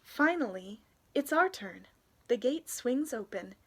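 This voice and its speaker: With an animated, somewhat high voice that has a breathy edge, a young adult woman reads a picture book for children. She keeps it informal and pauses to highlight the illustrations.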